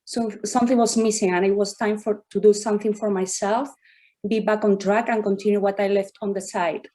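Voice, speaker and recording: Woman, thirties, Spanish accent, careful halting phrasing, video call, mid pitch. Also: fairly even intonation, dark tone. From southern Spain. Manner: slow, careful, non-native phrasing with filler pauses. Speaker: contestant artist. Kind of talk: presenting her work on a video call.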